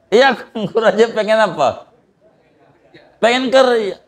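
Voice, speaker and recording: A man giving a casual, joking religious lecture, acting out little dialogues as he teaches. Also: sits high. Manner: chatty, joking, acts out dialogues. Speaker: Islamic preacher.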